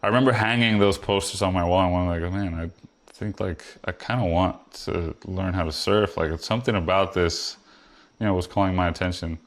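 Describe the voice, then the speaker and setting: Speaking briskly in a low voice, a forties-aged Puerto Rican man, a guest and foiler, keeps the conversation casual. He is relaxed and wanders as he talks, often saying fillers like "you know."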